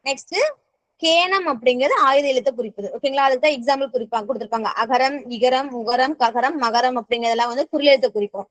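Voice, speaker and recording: Racing through a grammar lesson, this high-voiced teacher keeps asking whether her students follow and peppers her explanations with English words. There's no room sound, and the audio comes across dull and a little muffled.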